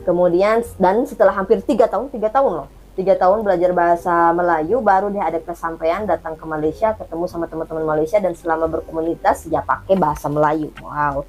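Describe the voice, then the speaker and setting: A woman in casual chat, explaining and sounding out words slowly. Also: fairly low pitch, a little mellow, faint music behind. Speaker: co-host.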